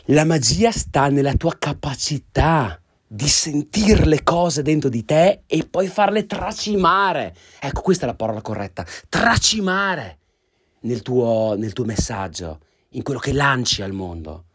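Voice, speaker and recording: Hoarse man from Italy, lively swooping storytelling delivery, emphatic. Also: measured pace. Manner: animated, swooping pitch, emphatic. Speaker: vlogger telling a story. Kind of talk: storytelling monologue.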